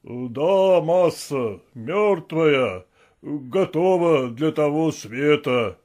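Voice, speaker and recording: A timid old servant, high up in a tree, drags out his words slowly and plaintively, as a male audiobook reader puts him on. His voice sits fairly high for a man and sounds a little apart from the narrator's own. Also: lively intonation, darkish tone, full character voice. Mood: wary. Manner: slow, drawn-out, plaintive speech. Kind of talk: audiobook character voice.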